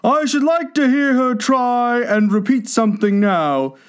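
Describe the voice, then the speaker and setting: A man voicing a melancholy, easily offended male mock turtle in a high strained voice. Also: a little slow, smooth. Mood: plaintive.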